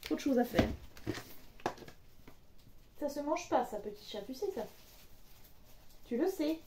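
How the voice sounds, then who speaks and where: A woman's voice: high voice, lively intonation, measured pace, very noisy. A young woman chatting casually through an unboxing, playful and talkative, laughing often and joking around as she goes. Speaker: diamond painting vlogger.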